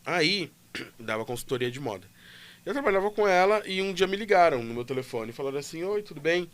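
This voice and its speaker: A man's voice: fairly high pitch, lively intonation, brisk. A man telling a story in casual chat, playful and joking, acting out both sides of the dialogue. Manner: playful, jokey, acts out dialogue.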